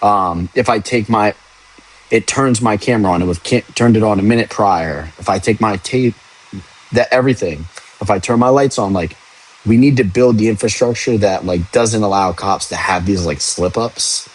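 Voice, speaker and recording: On a casual livestream, a young man who is a police officer answers viewer questions at a moderate pace. His voice is on the low side, his talk is frank and rambling with the odd swear word, and the recording is low quality.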